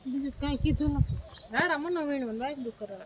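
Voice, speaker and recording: A woman's voice: sits high, quick pace, highs cut off. A woman chatting matter-of-factly with family outdoors on a farm. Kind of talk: casual family chat. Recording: loud outdoor farm noise.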